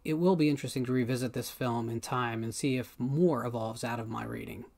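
A man in his thirties talks straight to camera from a small room at home, reading his own critical take on a film. His pace is measured and deliberate, with dramatic pauses between points, and his voice sits at an average pitch for a man. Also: steady tone, creaky, darkish tone. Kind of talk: scripted film analysis to camera.

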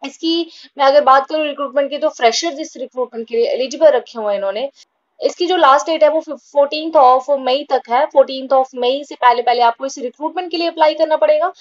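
A woman's voice: high-pitched, brisk, lo-fi sound. A woman hosting a job-update channel, giving an informal voice-over explainer with frequent fillers and repeated points.

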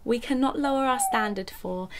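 A woman's voice: fairly high pitch, normal speed, background noise. A young adult woman chatting casually to camera in a conversational, reflective way, repeating phrases for emphasis. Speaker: YouTuber and independent musician. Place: small furnished room at home, indoors.

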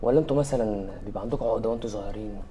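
A man's voice: lowish voice, very fast, slight background noise, lightly acted. An actor with an Egyptian accent playing a defiant young man who taunts a police officer with sarcasm. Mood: taunting. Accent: Egyptian Arabic. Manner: taunting, mocking. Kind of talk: film acting. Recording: film soundtrack with loud music.

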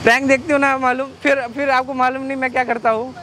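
High-voiced man shouting by a car. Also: flat delivery, fast talker. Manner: aggressive shouting, then soft coaxing apology. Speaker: prankster and channel host. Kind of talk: staged street prank, then apology and outro. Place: outdoors by a car on a street. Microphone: hidden camera mic. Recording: noisy outdoor street audio.

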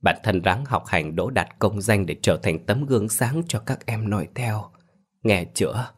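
A man voicing a kind dying mother, speaking softly, slowly and wearily to her son. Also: on the low side, husky. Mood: tender weary. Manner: soft, tender, weary. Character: kind dying mistress of the house, woman.

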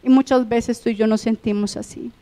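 Colombian woman pastor, high voice, impassioned sermon, loud-to-hushed swings. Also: steady tone, fairly quick, big-room sound. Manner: impassioned, swinging between loud emphatic phrases and hushed ones.

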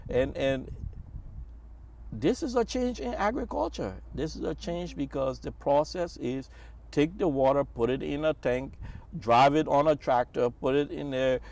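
A middle-aged man in an outdoor interview on a farm, explaining with animated gestures and enthusiasm. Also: on the high side, measured pace, creaky, far from the mic. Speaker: farm researcher interviewed by the dean. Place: outdoors on a farm, seated on a bench.

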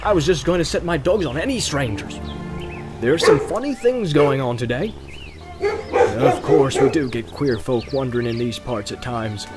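A man voicing a gruff, hearty hobbit farmer in a storybook reading, with a growl and rustic, folksy talk. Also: mid-range voice, expressive, moderate pace, loud music behind the voice, natural voice. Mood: suspicious, chatty. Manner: rustic, folksy turns of phrase. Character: gruff, hearty, thick-set hobbit farmer, suspicious but welcoming.

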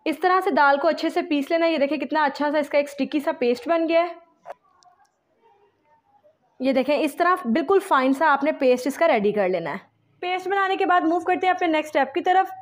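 A woman calmly talking through a home cooking recipe step by step, as a voice-over. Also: high voice, fairly quick. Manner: calm step-by-step instructions mixing English words. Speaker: home cooking channel host.

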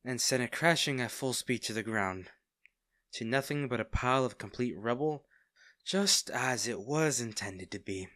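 A man plays a smug, teasing villain who secretly has a soft spot for the hero he's holding captive, in an intimate audio roleplay full of coy, drawn-out pauses. The mood is scornful, and his medium-pitched voice has a sharp tone close to how he normally sounds. The studio recording is clean, with no room sound.

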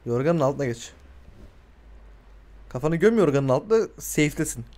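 A male streamer reacting live to short horror films, with a voice on the higher side. He urges the characters on, swears freely and breaks into shrieks and laughter at the scares. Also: expressive, normal speed, darkish tone. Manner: talks back to the screen, swears, shrieks when startled.

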